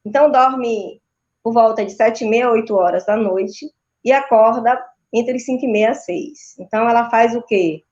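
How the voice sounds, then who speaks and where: A Brazilian woman in her thirties patiently explains children's routines, slowing down to stress her points and tagging her sentences with quick checks. Her voice sits a little high. The audio is dull and lo-fi, like a video call. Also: a little mellow. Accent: Brazilian Portuguese. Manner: didactic, frequent tag questions. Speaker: maternal and child sleep consultant. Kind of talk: explanatory interview answers.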